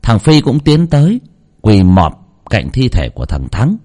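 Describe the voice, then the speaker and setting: A man narrating a horror story audiobook in a dramatic, expressive storytelling manner. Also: medium pitch, measured pace.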